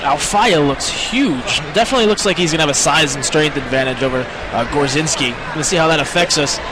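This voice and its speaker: A man's voice: on the high side, brisk. A man giving live color commentary on a fight in a conversational, analytical way. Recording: loud crowd and arena noise.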